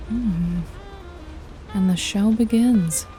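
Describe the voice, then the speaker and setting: Speaking extremely slowly in a dark, mid-range voice, a woman plays a jaded detective who also kills for hire, in an intimate one-sided noir ASMR roleplay. Her manner is sardonic, foul-mouthed, nonchalant, and teasing, with casual menace, while her mood is watchful and matter-of-fact. Rain effects and jazzy music sit in the background.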